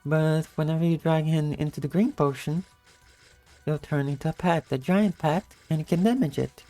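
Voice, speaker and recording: A woman with a low-energy, just-woke-up morning voice giving a casual gameplay tutorial in commentary style. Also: moderate pace, dark tone, soft background music. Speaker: video game guide narrator.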